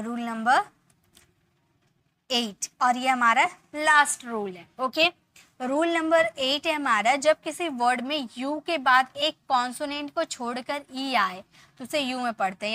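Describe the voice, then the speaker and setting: Woman, patient teacher, high pitch, dry close recording. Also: sharp tone, dry recording. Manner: patient, repeats words slowly and asks questions. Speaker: English pronunciation teacher. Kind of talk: explaining rules to students.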